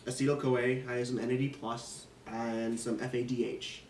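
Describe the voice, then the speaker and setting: Brief: young man as a gullible businessman, earnest deadpan lines, recorded from a distance in an echoey room. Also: mid-range voice, moderate pace, close to an everyday voice. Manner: earnest then indignant, deadpan delivery. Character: gullible young male businessman, easily cheated. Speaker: student actor in class skit. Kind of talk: amateur school skit. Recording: echoey room, mic far off, faint noise.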